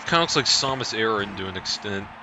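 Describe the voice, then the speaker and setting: A man calmly narrating his own play in casual gameplay commentary. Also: fairly low pitch, fast talker, music in the background. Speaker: let's play host playing the game.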